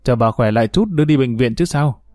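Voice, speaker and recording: A man voicing a gruff, blunt middle-aged uncle in a read-aloud story, scolding quickly. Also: mid-range voice, darkish tone, no room sound, studio quality, natural voice.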